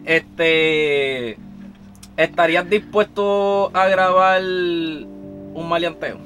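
A man's voice: a little high, extremely slow, a bit bright, faint music behind. A man, co-hosting a podcast and asking a guest questions, blunt and casually swearing. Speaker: podcast co-host. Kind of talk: casual interview chat.

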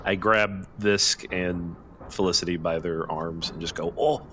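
Bright-voiced goofy man player. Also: low voice, fairly even intonation, measured pace, slight background noise. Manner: goofy, laughing. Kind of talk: casual tabletop play.

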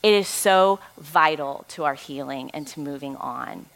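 A woman's voice: low-pitched, measured pace, a bit bright. Earnest woman in her forties exhorting a church. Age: 40s. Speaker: ministry co-founder speaking to a church group. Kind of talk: encouraging church talk ending in prayer.

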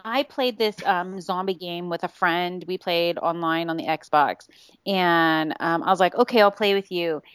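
A woman co-hosting a casual podcast who tells her stories in a giggly, animated way. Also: fairly low pitch, unhurried, smooth, no room sound. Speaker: podcast co-host. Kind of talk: casual chat.

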